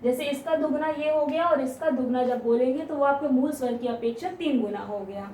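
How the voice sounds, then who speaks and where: A woman teaching grammar, explaining step by step, asking questions and answering them herself, and stretching out example sounds slowly. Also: sits high, warm tone, slight background noise. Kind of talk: classroom explanation. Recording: echoey room, voice from a distance.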